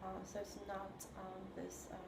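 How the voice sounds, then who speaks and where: A woman talks through her ideas slowly and carefully, pausing often to find the right word. Her voice carries the echo of a roomy space, with a steady hiss of background noise. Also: medium pitch, gravelly. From China. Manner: thoughtful and halting, searching for words. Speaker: composer, interview guest. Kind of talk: reflective conversation. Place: room in New York.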